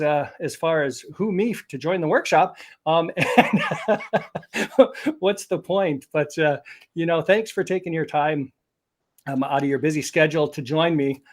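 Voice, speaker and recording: A man hosting a live online interview, presenting in an upbeat, promotional way over a video call. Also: a little high. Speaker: host.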